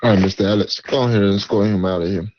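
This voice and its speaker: A man's voice: lowish voice, steady tone, very fast, a little mellow, no echo. A man acting as a police recruiter in a roleplay game, giving curt, repeated commands. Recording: muffled voice chat with faint noise.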